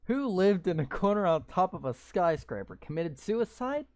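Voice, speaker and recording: With a high-pitched voice that swings widely in pitch, a man reads game text from a visual novel at a moderate pace. He breaks in with sarcastic, profane live reactions, and the recording is dry.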